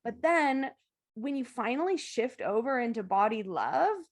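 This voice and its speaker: Brief: woman, slightly higher voice, open and lively podcast conversation, acts out quotes. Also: a little slow. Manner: animated, candid, laughs often, acts out quotes.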